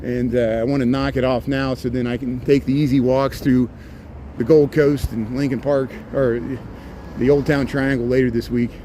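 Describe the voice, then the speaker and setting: A fortysomething man from near Cincinnati, US Midwest, hams it up for viewers while giving a wandering, chatty walking tour of a city street at night. He talks at normal speed with a warm, medium-pitched voice that moves little in pitch, plus a slight Cincinnati-Kentucky twang. Faint street and traffic noise is audible.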